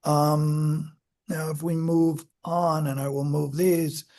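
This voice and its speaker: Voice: medium pitch, flat delivery, takes it slowly, a little mellow. A psychology lecturer explaining child development to a class in a conversational, self-correcting way, acting out examples. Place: lecture room.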